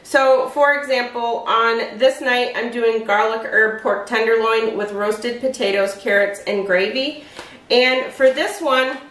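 With an unhurried pace, a woman in her forties chats through a casual cooking demonstration, explaining her meal prep step by step at home. Her voice is a little high and fairly bright, with fairly even intonation. The sound comes from a distant camera, leaving the kitchen echoey.

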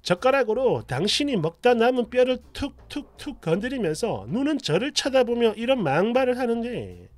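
A man dramatically reading an online post aloud as a storyteller, expressive and sarcastic with muttered asides. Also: extremely high pitch, moderate pace, hardly any pauses, no echo.

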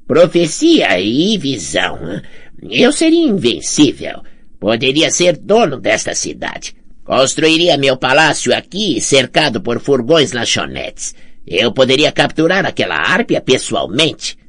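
A man's voice: mid-range voice, huge pitch swings, measured pace, a bit bright, husky, voice pushed up, full character voice. A man voicing a greedy, scheming blind old man in an audiobook, sly and wheedling with theatrical swoops. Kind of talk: audiobook character voice.

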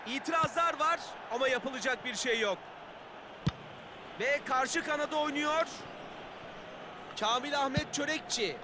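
Man, very high voice, football play-by-play, loud outdoor noise behind. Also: a little slow, long pauses. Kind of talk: sports match commentary. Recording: loud stadium-like background noise.

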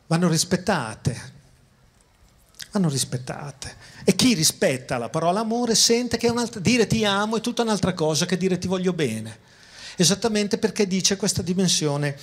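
Italian man lecturing to a crowd. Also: high voice. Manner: conversational, addresses audience directly, repeats and restarts phrases. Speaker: philosopher giving a public talk. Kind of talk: public lecture. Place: outdoor town square.

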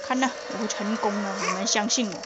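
In a casual let's-play, a fast-talking woman with a medium-pitched voice chats to herself as she plays, repeatedly urging herself to "hurry." The sound is lo-fi with loud background noise.

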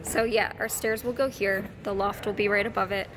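A woman vlogger with a hoarse voice, chatting casually and rambling, with lots of ums and trailing thoughts. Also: medium pitch, fairly even intonation, brisk, noisy background. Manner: chatty and rambling, with frequent fillers. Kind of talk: casual vlog chat.

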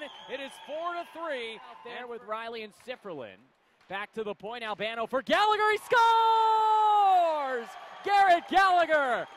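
A man giving excited play-by-play commentary on hockey, in clipped running phrases that build in excitement. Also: very high voice. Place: indoor ice hockey rink. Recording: noisy rink broadcast with ambience.

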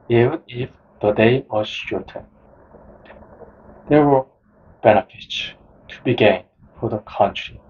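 A man narrating a nonfiction book in the first person, in a slow, measured reading style. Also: medium pitch, warm tone, slightly rough. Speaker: audiobook narrator. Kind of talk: scripted narration. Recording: dull lo-fi sound.

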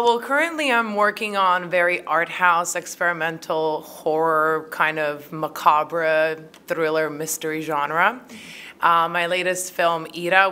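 A woman's voice: deep voice, bright, forceful tone. A woman from Croatia in her thirties, a filmmaker answering interview questions in a chatty way with many fillers, into a handheld mic in a small room. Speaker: filmmaker and actor. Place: small room at a film festival. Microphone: handheld mic held by interviewer.

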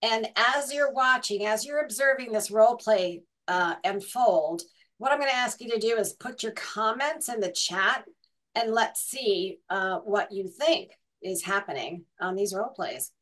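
A woman's voice: fairly high pitch, expressive, measured pace, a bit bright. A woman hosting a webinar on a video call, casually asking the coaches questions. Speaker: webinar host.

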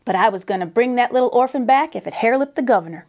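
She talks fast, this middle-aged American woman, reading a children's tale aloud in a fairly high voice. Her drawling, folksy Western dialect is expressive, and she's recorded indoors on a lapel mic.

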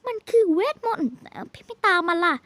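A young woman with a very high, girlish voice chats her way through a multiplayer game. She sounds bubbly and polite, and her pitch leaps around constantly. The sound is close and dry, with no room around it. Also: expressive, fast talker, a bit bright, no room sound. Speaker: game streamer. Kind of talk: casual multiplayer game commentary.

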